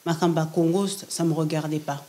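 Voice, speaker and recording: A young Frenchwoman, appearing as a prophetess guest in a casual interview, speaks emphatically in French mixed with Lingala, repeating phrases for stress. Her voice sits low, warm and steady, and she talks fairly quickly.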